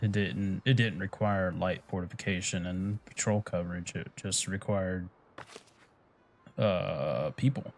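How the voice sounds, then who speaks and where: Laid-back low-voiced man streaming. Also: fairly even intonation, measured pace, a little hiss or hum. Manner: laid-back, swears casually. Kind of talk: casual chat while streaming a game.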